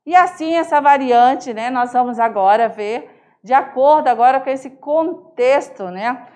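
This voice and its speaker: A woman teacher giving an online high school lesson, explaining example words and often checking in with her students. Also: a little slow, darkish tone. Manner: explanatory, keeps asking "né?" and drawls example words.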